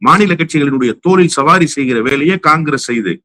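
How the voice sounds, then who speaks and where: A man's voice: on the high side, brisk, bright, forceful tone, dry recording. A man with a Tamil accent giving heated political commentary as an interview guest, combative and firing rhetorical questions.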